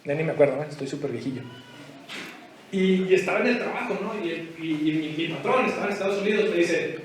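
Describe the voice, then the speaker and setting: A man's voice: a little high, expressive, fast talker, roomy sound, a little hiss or hum. A Mexican man preaching as a pastor at a youth conference, joking in slang and acting out the people he talks about. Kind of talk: youth sermon. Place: large hall at a youth conference.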